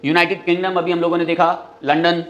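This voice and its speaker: A male teacher with a fairly high voice runs through a list of countries and their capitals in a quick, steady rhythm. He mixes Hindi with English phrases as he explains. It sounds like a classroom lesson. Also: highs cut off.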